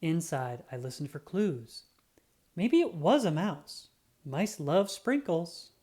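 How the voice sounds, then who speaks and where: Slowly and in a mid-range voice, a narrator performs a children's picture book as a self-important feline detective. It's a dramatic, expressive telling, with sound effects acted out.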